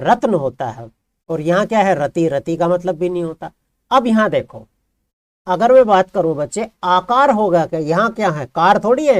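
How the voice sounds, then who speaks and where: A man's voice: high-pitched, dry recording. A man teaching a grammar lesson who explains patiently and keeps asking his students questions, then answering them himself. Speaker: Hindi teacher.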